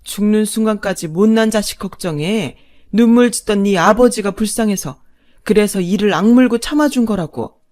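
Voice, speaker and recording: A woman's voice: mid-range voice, normal speed, darkish tone, close to an everyday voice. A woman voicing a fierce older mother-in-law who scolds with defiant force in a storybook narration.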